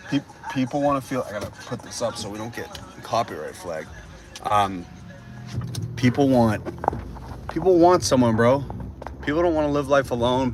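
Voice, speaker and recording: Driving through the city on a live stream, a twenty-something man chats loosely and rambles, animated and dropping "bro" often. His pitch is mid-range, and a slight hiss or hum runs under the audio.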